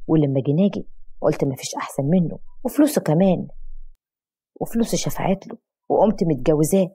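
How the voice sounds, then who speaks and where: A woman's voice: low voice, dark tone, slightly rough. A woman with an Egyptian accent voicing a scheming, spiteful young wife who talks sharply and complains. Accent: Egyptian Arabic.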